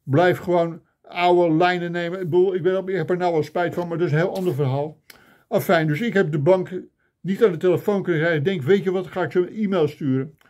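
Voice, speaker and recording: Fast and high-pitched, with a slightly mellow quality, an older man vlogs himself on a phone camera. His comic monologue is a mock-indignant rant of grumbles.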